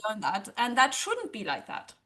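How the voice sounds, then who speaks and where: In an interview, a guest who works as a social psychologist and language coach speaks at a moderate pace in a high, earnest, animated voice. She's from Germany, a native German speaker, and often replays her past thinking aloud.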